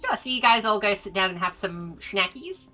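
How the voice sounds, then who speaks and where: A woman's voice: medium pitch, lively intonation, moderate pace, bright, forceful tone, soft background music. A woman narrating a tabletop game as game master in a playful, casual way.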